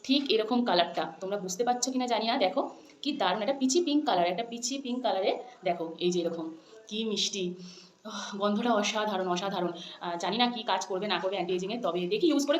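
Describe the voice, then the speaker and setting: A woman vlogger talks quickly to her phone camera, repeating herself and coaxing her viewers. Her voice bounces around an echoey room with a faint hum of ambient noise behind it. Her pitch sits in the middle. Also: muffled recording. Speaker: lifestyle vlogger. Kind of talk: casual vlog talk to camera.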